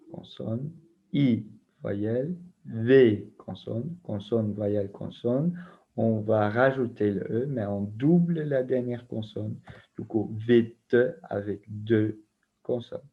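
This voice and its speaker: Man, teacher, recorded lesson, patient letter-by-letter explanations, very slow delivery, dull lo-fi audio. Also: mid-range voice, vocal fry, slightly rough. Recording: muffled lo-fi recording.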